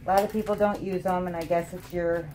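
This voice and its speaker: Low-voiced woman muffled behind a mask. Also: steady tone, fast, dark tone, a little hiss or hum. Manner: muffled, talking through a mask over the mouth. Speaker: resin craft demonstrator. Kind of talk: casual craft tutorial narration.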